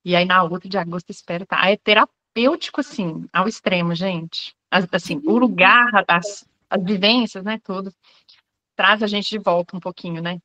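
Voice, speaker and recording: A woman's voice: mid-range voice, normal speed, bright, forceful tone, lo-fi sound. A Brazilian woman taking part in a book club, chatting enthusiastically and searching for her words. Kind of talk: casual chat.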